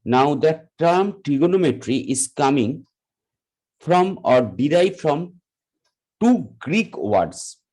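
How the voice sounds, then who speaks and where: A man teaching a live class, explaining slowly and deliberately, often repeating himself. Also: on the high side, very animated, a little mellow, low-quality recording. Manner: slow, deliberate explaining with repetition. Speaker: lecturer.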